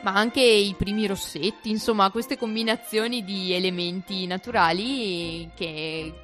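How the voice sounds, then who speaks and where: A woman's voice: mid-range voice, fairly even intonation, a little slow, a bit bright. A young woman with an Italian accent co-hosting a casual, playful chat. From Italy. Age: young adult. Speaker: co-host of a university talk show. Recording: faint music under the voice. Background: music.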